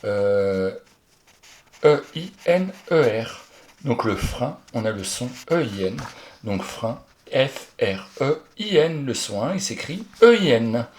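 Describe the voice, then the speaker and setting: A man's voice: mid-range voice, big pitch swings, takes it slowly, darkish tone. A man teaching a young pupil, going through spelling exercises and talking straight to the child, often stopping to correct his own slips. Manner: talks directly to the child, chatty, corrects himself aloud. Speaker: primary school teacher.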